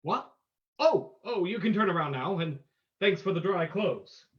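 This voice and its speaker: A man's voice: sits high, lively intonation, a little slow. A suave detective vigilante played by a man in an old-time radio mystery. He speaks theatrically and with menace, laying things out dramatically. The audio is dull and lo-fi. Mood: confident, explaining.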